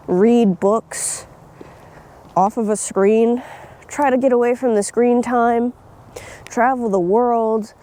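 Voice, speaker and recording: Young woman ranting outside on her phone, kinda high but mellow voice, blunt and sweary. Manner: blunt, swears freely, laughs often. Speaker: vlogger. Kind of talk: casual opinion vlog. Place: outdoors in nature.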